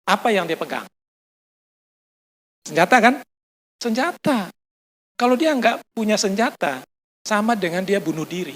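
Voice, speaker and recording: A man's voice: sits high, expressive, brisk. A man with an Indonesian accent preaching a sermon, telling a personal story with fillers and acting out the lines of others. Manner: storytelling, acts out dialogue, frequent fillers. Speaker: pastor. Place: restaurant used for a Sunday service.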